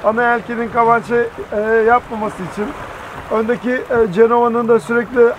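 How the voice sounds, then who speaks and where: A man in his fifties on a sailboat at sea, calmly explaining the route and rigging with frequent pauses. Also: very high-pitched. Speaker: sailor explaining the voyage. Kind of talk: casual explanation to camera. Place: on a sailboat deck at sea, outdoors. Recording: wind and wave noise at sea.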